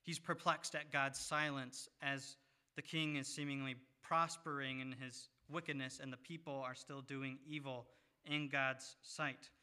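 Bright, smooth-voiced male preacher. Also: medium pitch, flat delivery. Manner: measured, reads scripture aloud with pauses. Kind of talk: sermon.

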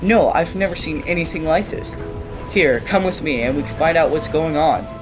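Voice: medium pitch, moderate pace, lightly acted, rough recording. Actor as pragmatic pirate crewmate for audio drama: urgent, mid-range voice over music. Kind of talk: theatrical audio drama acting. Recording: music behind the voice.

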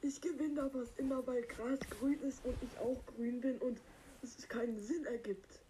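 A man voicing a dim-witted green male cactus creature, with his voice put through a voice changer, rambling and halting with many fillers. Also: extremely high pitch, steady tone, warm tone, a little hiss or hum. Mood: goofy. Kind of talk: comic character monologue.

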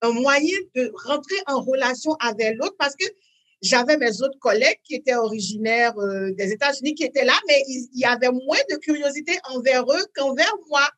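Woman in her 30s, kinda high voice, lots of euh and repeats, gets animated. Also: normal speed. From Benin. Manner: hesitant, with frequent fillers and repeats, then lively emphasis. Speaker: guest. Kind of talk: conversational interview.

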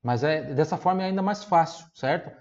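A fairly high-voiced man with a southern Brazilian accent from Santa Catarina gives an online Italian lesson. He talks in a chatty, repetitive way, checks in with tag questions and slows right down to drill words. The recording sounds dull and lo-fi. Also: a little mellow. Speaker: Italian teacher.

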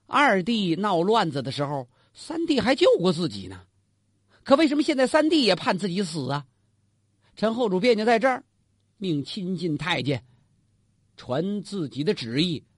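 Animated, husky male storyteller. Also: high-pitched, no room sound, clean studio sound. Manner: animated, talks straight to the listener, asks and answers his own questions. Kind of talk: traditional pingshu storytelling.

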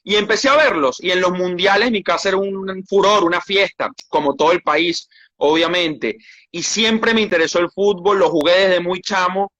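A man's voice: high-pitched, normal speed, lo-fi sound. A man with a Venezuelan accent, a sports journalist telling his stories in a casual interview with frequent restarts. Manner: animated storytelling with frequent restarts.

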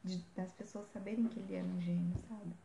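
A woman's voice: on the low side, fairly even intonation, quick pace, creaky, dark tone, echoey room, slight background noise. A young woman co-hosting a podcast, chatting casually and reading out facts. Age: young adult. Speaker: podcast co-host. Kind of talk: casual chat.

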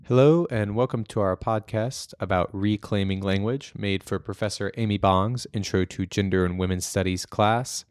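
A young man hosting a student podcast, reading a measured, scripted narration. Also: fairly low pitch, fairly even intonation, clean tone, no room sound, clean studio sound. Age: young adult.

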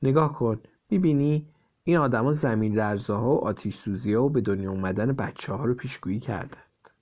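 A man voicing a lively, curious schoolgirl while reading a storybook aloud. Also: medium pitch, natural voice. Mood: explaining. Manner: eager, raised childlike voice.

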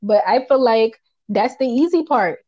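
A woman's voice: a little high, expressive, unhurried, warm tone, dry recording, lo-fi sound. A woman with a Charleston Gullah Geechee accent chats casually as a podcast co-host, emphatic, colloquial and unfiltered, often repeating herself for weight. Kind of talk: casual opinionated chat.

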